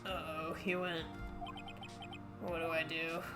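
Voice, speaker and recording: A woman's voice: deep voice, level tone, slow, bright, forceful tone, soft background music, pitched below the performer's own voice, full character voice. A woman voicing a worried young male defense lawyer in a video game, muttering his doubts uneasily.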